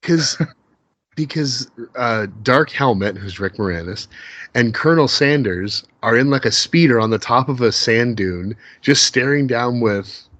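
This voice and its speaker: A man's voice: mid-range voice, lively intonation, a little slow, fairly bright tone, no room sound. A man co-hosting a podcast in casual chat, eagerly quoting movie lines and repeating his words as he gets going. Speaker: podcast co-host.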